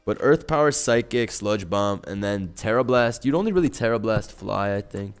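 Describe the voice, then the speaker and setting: A young man streaming live gameplay commentary, excitable and profane, full of slang, swinging from low mumbles to loud yelling. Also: moderate pace, clean tone, faint music behind. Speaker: gaming streamer.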